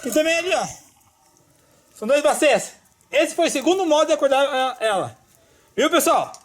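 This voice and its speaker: A woman hosting a casual home vlog, playful and loudly calling out repeated wake-up cries. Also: high-pitched, expressive, moderate pace. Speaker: vlogger host.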